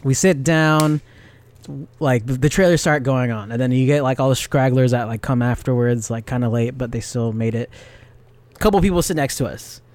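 A young man chatting casually, telling an animated story with lots of filler words and frequent laughs. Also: mid-range voice, normal speed. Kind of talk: casual chat.

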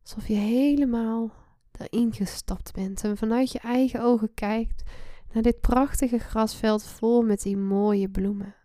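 A woman leading a guided meditation in a soft, breathy, soothing voice that often slips into a hushed spa-like whisper. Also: on the high side, fairly even intonation, a little slow, few pauses, dry recording, studio quality. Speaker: guided meditation podcast host. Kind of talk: slow guided relaxation meditation.

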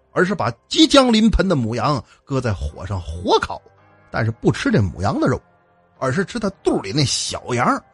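A man's voice: mid-range voice, husky, dry recording. A man telling a spooky folk tale in a colloquial, joking storyteller's manner. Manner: lively, colloquial, joking asides. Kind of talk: spoken ghost story with asides.

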